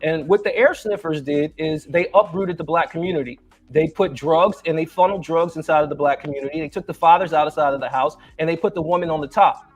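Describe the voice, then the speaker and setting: A man's voice: on the high side, breathy edge. A man speaking through a face mask in a heated panel debate, boastful and profane. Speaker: panel guest.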